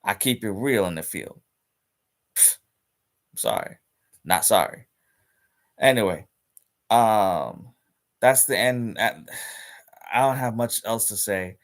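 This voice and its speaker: A man's voice: lowish voice, takes it slowly, long pauses. A man streaming live in a casual, rambling rant about a mobile game, repeating himself and restarting his sentences, with hiccups. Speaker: gaming streamer.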